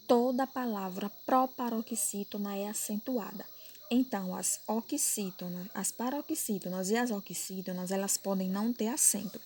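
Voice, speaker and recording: A primary school teacher with a Brazilian Portuguese accent gives a recorded grammar lesson, patiently going over points again and making sure her pupils keep up. Her medium-pitched voice has vocal fry and a slightly mellow tone, with a little hiss or hum in the audio.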